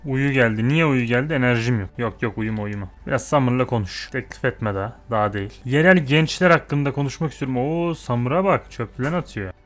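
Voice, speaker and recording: A young man giving casual, excitable gameplay commentary, chatting to and scolding the game characters with playful swearing. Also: mid-range voice, brisk, few pauses, soft background music. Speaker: gamer.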